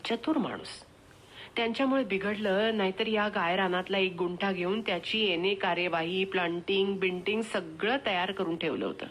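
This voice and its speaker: A woman narrating a short story in a measured, expressive reading. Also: mid-range voice.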